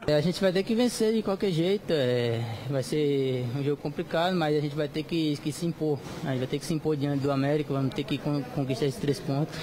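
Earnest young Brazilian footballer. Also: male voice, fairly high pitch, mellow, rough recording. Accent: Brazilian Portuguese. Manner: earnest, determined. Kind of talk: post-match interview.

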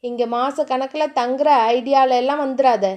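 A woman voicing a harsh older brother who talks fast and scolds bluntly. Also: high voice, fairly even intonation, a little mellow, close to an everyday voice. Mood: scornful. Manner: brusque, rapid and scolding.

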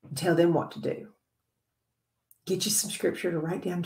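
A woman giving a devotional Bible teaching to other women, earnest and conversational, sometimes dropping to a soft whisper. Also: fairly low pitch, roomy sound.

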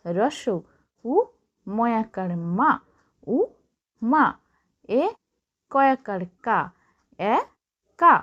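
A woman teacher from Bengal, slowly spelling out words letter by letter for young children and adding encouraging remarks. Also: fairly high pitch, fairly bright tone, muffled recording. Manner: slow, drawn-out letter-by-letter spelling with encouraging asides.

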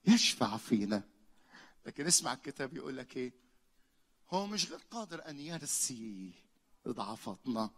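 Young man, Egyptian accent, preacher, call-and-response sermon, bright ringing tone, loud then hushed. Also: mid-range voice. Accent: Egyptian Arabic. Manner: exhorting the congregation to repeat lines, shifts between loud and hushed. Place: church hall.

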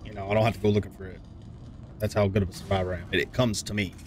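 A man's voice: low-pitched, little pitch movement, rapid-fire. A man in his thirties thinking aloud in casual, laid-back let's-play commentary, often muttering to himself. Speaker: gaming streamer. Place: small room at home. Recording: faint game noise behind.

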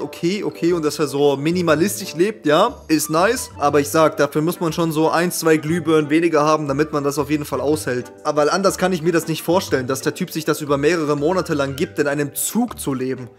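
A young man giving casual, slangy reaction commentary in an incredulous, exclamatory, jokey way. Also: fairly high pitch. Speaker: reaction video host. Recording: music playing behind the voice. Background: music.

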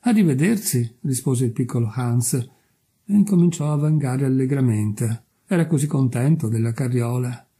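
A man reading a fairy tale aloud in a calm, measured narrating voice. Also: medium pitch, husky. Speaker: reader. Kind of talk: storybook reading.

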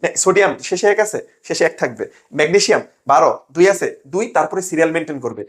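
Young guy tutoring, talks super fast, high voice, keeps asking if u got it. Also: expressive. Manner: rapid, emphatic, keeps asking "ঠিক আছে?". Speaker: admission test tutor. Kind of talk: fast exam-prep lesson.

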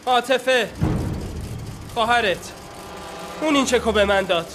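Indignant, loyal factory partner. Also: male voice, very high-pitched, fairly bright tone, a little hiss or hum. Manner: defensive, indignant. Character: loyal, proud factory partner, wounded by suspicion.

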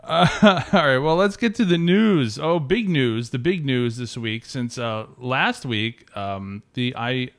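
A man hosting a podcast in casual tech chat, relaxed and joking, with hesitant fillers. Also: medium pitch, slow, hardly any pauses. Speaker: podcast host.

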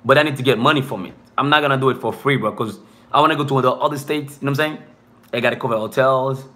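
Talking fast in a mid-range, bright, forceful voice, a young man whose first language isn't English hangs out with his live-stream viewers from a small room. His chat is loose and rambling, full of "bro" and "you know what I'm saying."

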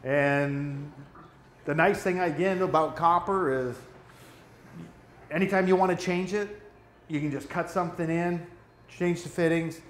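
A man's voice: fairly high pitch, a little slow, long pauses. Man's voice echoing through a brewery. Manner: relaxed, practical, pointing things out while talking. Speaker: brewery owner. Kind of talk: casual equipment walkthrough. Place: brewery floor among steel tanks, indoors. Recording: echoey brewery room with faint hum.

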